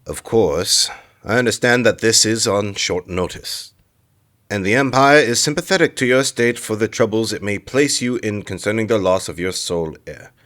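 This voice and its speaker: A man's voice: lowish voice, a bit bright, natural voice. An actor playing a stern, commanding king who hands down decrees in a fantasy audio drama. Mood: decreeing. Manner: commanding, measured royal decrees. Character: stern imperious middle-aged king and father.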